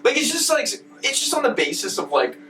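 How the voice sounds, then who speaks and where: A young man co-hosting a podcast, excitedly telling a story in casual chat and acting out quotes. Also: very high-pitched, fairly quick, recorded from a distance. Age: young adult. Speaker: podcast co-host. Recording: roomy, mic set back, faint hum.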